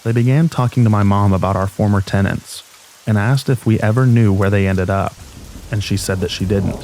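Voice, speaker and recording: A man with a fairly low voice narrates scripted scary stories as a sleep aid. His delivery is calm and steady. A soft bed of falling rain runs faintly behind him. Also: a little fast, slight background noise, poor audio. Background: rain ambience.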